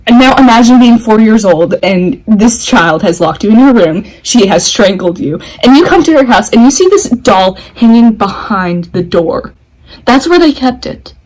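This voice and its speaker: Young woman telling stories w friends, kinda husky, bit high, gets all dramatic n giggly. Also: animated, normal speed, darkish tone, low-quality recording. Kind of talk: casual chat.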